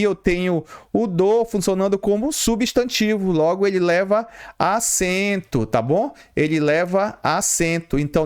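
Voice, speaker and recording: A man's voice: high voice, darkish tone, clean tone. A Brazilian Portuguese man teaching a grammar lesson for exam prep, explaining step by step and asking and answering his own questions.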